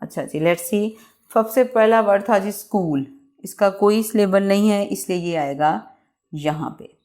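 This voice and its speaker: A woman English teacher explains a lesson at an unhurried pace. She stretches out each word as she pronounces it, in a mid-range voice. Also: medium pitch, a little mellow. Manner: slow, drawn-out word-by-word pronunciation. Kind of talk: bilingual classroom lesson.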